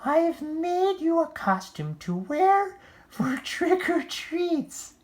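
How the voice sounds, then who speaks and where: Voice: very high-pitched, big pitch swings, drawn-out words, voice pushed up, exaggerated voice. A storyteller voicing a doting, gushing mother dachshund in a storybook, with a cooing, singsong call. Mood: doting excitement.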